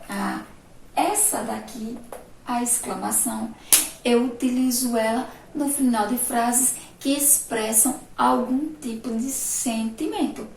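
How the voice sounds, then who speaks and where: A woman with a Brazilian Portuguese accent teaching a remote primary-school lesson, explaining slowly and patiently and asking the class rhetorical questions. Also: fairly high pitch, darkish tone, reverberant, recorded from a distance, a little hiss or hum, poor audio.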